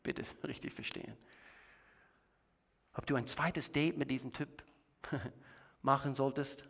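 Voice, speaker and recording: A male pastor delivering a sermon in a dramatic, expressive way, with strong swings in volume. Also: vocal fry. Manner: dramatic, swings between booming and hushed.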